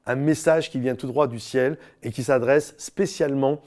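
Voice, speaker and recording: A Frenchman with a medium-pitched, steady, slightly mellow voice talks at a normal pace. He gives an informal devotional talk as a casual preacher and storyteller, sharing personal stories, stretching key words for emphasis and speaking directly to his listeners.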